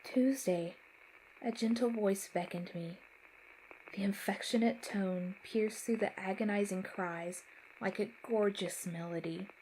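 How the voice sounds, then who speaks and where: A woman reading a first-person horror story aloud in a measured, dramatic way. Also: medium pitch, steady tone, darkish tone, a little hiss or hum, rough recording. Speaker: story narrator. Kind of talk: scripted horror narration.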